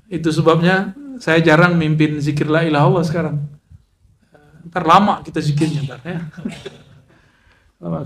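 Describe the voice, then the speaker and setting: A man's voice: fairly high pitch, echoey room. A man preaching a casual religious lecture, joking with listeners, mixing in recited Arabic. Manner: chatty, joking asides, Arabic recitation mixed in. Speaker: Islamic preacher.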